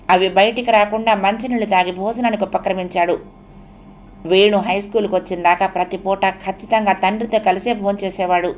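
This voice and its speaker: A woman storyteller reading an audio novel aloud in a steady, measured way. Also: mid-range voice, slight background noise. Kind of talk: scripted audio novel narration.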